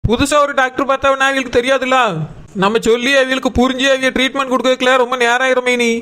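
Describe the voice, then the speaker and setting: A man voicing a sly, meddling sister-in-law in a cartoon, talking fast and wheedling. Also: very high-pitched, little pitch movement, pushed and bright, smooth. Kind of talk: cartoon voice acting.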